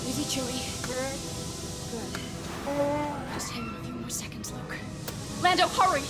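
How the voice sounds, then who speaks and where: A woman's voice: high voice, measured pace. An actress playing a commanding young princess in a radio drama, urgent and insistent as she gives orders. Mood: tense, alarmed. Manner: insistent, giving crisp orders. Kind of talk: 1980s radio drama acting. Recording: very loud music and engine effects behind. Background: very loud music and vehicle sounds.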